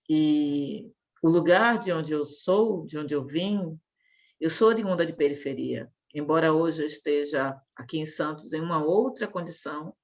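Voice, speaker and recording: Slow-talking woman on a call. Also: low-pitched. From Salvador, Bahia, Brazil. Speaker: meeting participant. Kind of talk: online meeting self-introduction. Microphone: computer or headset on video call. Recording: dull lo-fi call audio.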